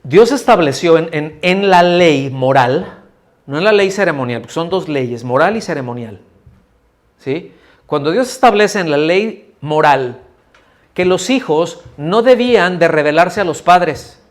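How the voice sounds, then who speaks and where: Middle-aged man, fairly high-pitched, pastor giving a conversational sermon in a church hall and acting out the voices he quotes. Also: expressive, unhurried. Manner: conversational preaching, asks the audience questions, acts out quoted voices.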